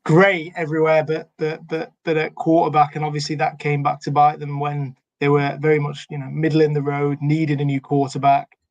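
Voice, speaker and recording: A man's voice: on the high side, monotone, fairly quick, hardly any pauses, no echo, muffled recording. A man co-hosting a casual sports podcast chat, hesitant with many fillers and restarts. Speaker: podcast co-host.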